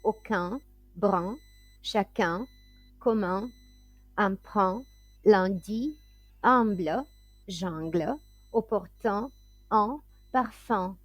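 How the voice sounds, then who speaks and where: A woman teaching French pronunciation, reading word lists and example sentences in a careful, clearly enunciated way. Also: mid-range voice, drawn-out words, pauses often, no room sound, faint music behind. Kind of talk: slow, deliberate word-list reading.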